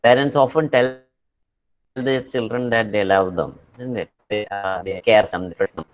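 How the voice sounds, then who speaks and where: A man's voice: on the low side, moderate pace, soft background music. A man with a Malayali English accent whose first language is Malayalam, teaching an online English class. He mixes English and Malayalam, repeats and translates key phrases, and puts questions to his students. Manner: frequent fillers and restarts while explaining.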